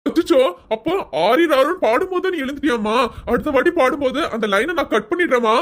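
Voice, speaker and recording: A woman voicing a doting, soft-hearted young husband in a cartoon serial, coaxing and soothing with baby talk. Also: high voice, expressive, fast talker.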